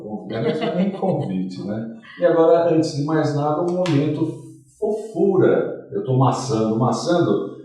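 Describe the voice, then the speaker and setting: A male talk show host who talks theatrically, cracking jokes and hopping between subjects. His voice is warm and dark. He sounds a little far from the microphone in a very echoey room. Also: medium pitch. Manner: theatrical, jokey, jumps between topics. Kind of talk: lively studio interview.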